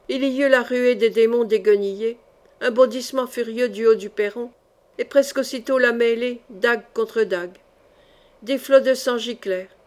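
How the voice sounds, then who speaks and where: A woman's voice: fairly high pitch, darkish tone. A woman reading a historical adventure novel aloud as an audiobook, with dramatic delivery. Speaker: audiobook reader.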